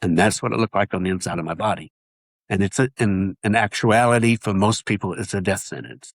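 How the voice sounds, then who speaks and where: This man's voice is lowish and nasal, captured without any room sound. Sharing his testimony in a relaxed interview, he sounds earnest yet halting, often beginning his sentences anew.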